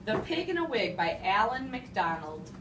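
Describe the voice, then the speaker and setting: This woman teacher is very animated, with a medium-pitched voice and a moderate pace, as she reads to young children and gives instructions through simple repeated phrases and stressed key words. Children's voices and room noise fill the echoey, noisy classroom, recorded from a distant mic.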